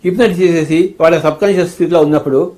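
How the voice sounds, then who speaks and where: Playful older man, quick and high. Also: fairly even intonation, a little mellow. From India. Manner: playful, teasing, acts out quoted dialogue. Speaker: spiritual teacher being interviewed. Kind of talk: casual chat.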